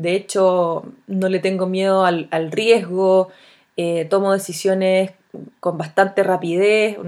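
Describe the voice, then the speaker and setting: A Chilean woman of around forty hosting a solo podcast. She talks in a thoughtful, earnest way and pauses often on fillers. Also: medium pitch, darkish tone. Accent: Chilean Spanish. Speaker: podcast host. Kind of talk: solo reflective podcast monologue.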